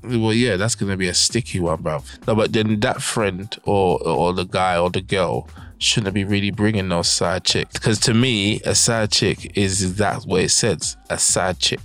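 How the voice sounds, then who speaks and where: A man's voice: low-pitched, normal speed, fairly bright tone, soft background music. A man with a London roadman accent, chatting casually and in slang as a podcast host. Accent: London roadman, Multicultural London English.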